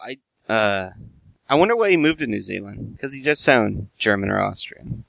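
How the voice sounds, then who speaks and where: A man's voice: lowish voice, expressive, normal speed, gravelly, fairly bright tone, no echo. A man co-hosting a casual podcast chat, wry and blunt, with some swearing. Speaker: podcast co-host.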